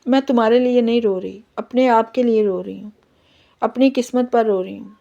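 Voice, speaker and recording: Hurt, quick-tempered young bride, as a woman reads her. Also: on the high side, steady tone, vocal fry, mellow, highs cut off.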